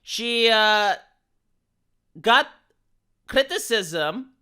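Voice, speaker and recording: A man's voice: sits high, animated, very slow, bright, forceful tone, smooth. A YouTuber man ranting in sarcastic, indignant commentary, often repeating words as he gets worked up.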